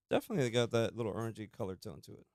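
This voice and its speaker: A man's voice: on the low side, darkish tone, no echo. A man hosting a casual podcast, talking in laid-back slangy banter with his guests. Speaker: podcast host. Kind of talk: casual chat. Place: small studio room with guests.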